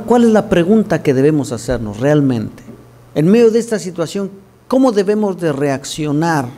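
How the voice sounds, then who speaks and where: A man's voice: on the high side, warm tone. A male pastor preaching a sermon in a church, earnest and direct, often calling listeners "my brother" and adding wry asides.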